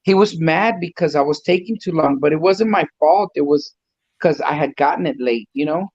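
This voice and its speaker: A custom truck builder appears as a guest on a talk show, rambling through a long, casual story in a slightly high, slightly mellow voice at a moderate pace. He acts out the people in his tale and drops in a few Spanish words, and the sound is lo-fi.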